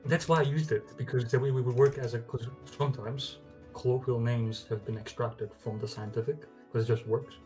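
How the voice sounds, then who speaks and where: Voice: medium pitch, fairly even intonation, fairly quick, darkish tone, soft background music. A co-host of a worldbuilding stream, chatting casually in a laid-back way with short agreeing replies. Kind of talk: casual brainstorming chat.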